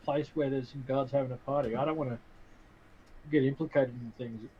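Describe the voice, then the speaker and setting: A man's voice: medium pitch, fairly even intonation, brisk, breathy edge, lo-fi sound. A man playing his character in a tabletop game, rambling and poking fun at himself. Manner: rambling, self-mocking. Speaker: player. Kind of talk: in-character tabletop role-play.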